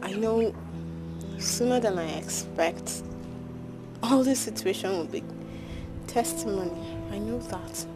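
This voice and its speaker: An actress with a Nigerian accent playing a devout, long-suffering wife who speaks softly and patiently. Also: female voice, medium pitch, measured pace, pauses often, over music, natural voice. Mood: hopeful. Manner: soft, patient, faith-filled. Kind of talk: film drama acting.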